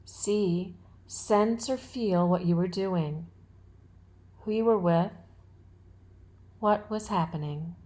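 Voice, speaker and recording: With a mellow, fairly low voice, a woman yoga nidra instructor takes listeners through a guided meditation. She soothingly offers relaxation instructions in short, deliberate phrases, speaking very slowly.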